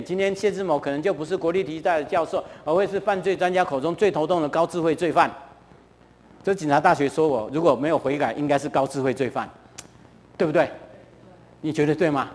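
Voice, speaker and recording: A middle-aged man with a Taiwanese Mandarin accent, giving a lively storytelling talk at a church and often asking the audience questions. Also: a little high, fast talker. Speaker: guest lecturer at a church. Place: church hall. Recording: reverberant church hall.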